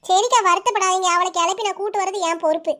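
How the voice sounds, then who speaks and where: A woman's voice: very high-pitched, fairly even intonation. Woman voicing a bossy village neighbor. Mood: eager. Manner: fast, sharp scolding. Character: brisk young village neighbor woman, bossy but caring. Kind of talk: cartoon voice-over.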